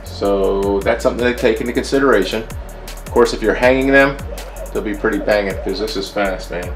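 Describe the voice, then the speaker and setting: Gravelly-voiced man chatting over gear. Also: lowish voice, moderate pace, soft background music. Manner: loose and chatty, thinking aloud while setting up gear. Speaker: DJ reviewing lighting gear. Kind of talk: casual product review vlog. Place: indoor room with DJ gear.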